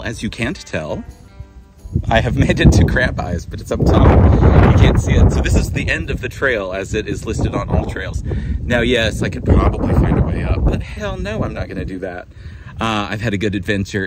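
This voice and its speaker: A man with a dark, gritty, gravelly voice talks casually and wryly as he narrates a hike outdoors. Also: fairly low pitch, lively intonation, normal speed, over loud music, rough recording. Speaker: hiking vlogger. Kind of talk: casual unscripted trail narration to camera. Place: outdoors on a rocky desert trail.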